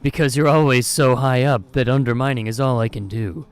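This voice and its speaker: A man's voice: mid-range voice, a little fast, a little hiss or hum, natural voice. A man voicing a composed, argumentative legal investigator in an improvised comic game dub, formal and dryly wry. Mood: dry wit. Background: game music.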